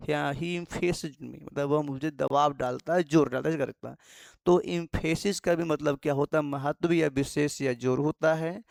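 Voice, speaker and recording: Gravelly man teaching vocabulary. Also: a little high, dry recording, clean studio sound. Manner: repetitive, asks students rhetorical questions. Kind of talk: explanatory Hindi lesson.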